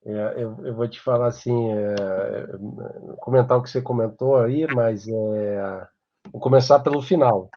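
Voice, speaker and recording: A man with a Brazilian Portuguese accent who hosts an interview and responds to his guest in a measured way. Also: mid-range voice, muffled recording, slight background noise. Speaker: host. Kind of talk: interview conversation.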